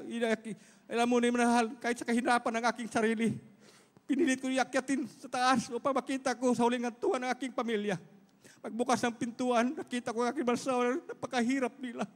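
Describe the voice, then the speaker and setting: Middle-aged man, high voice, testifying with emotion, reverberant church hall. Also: level tone, fast talker. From Surigao, Philippines. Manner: emotional, earnest, often addresses listeners as "beloved", frequent restarts. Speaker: church member giving testimony.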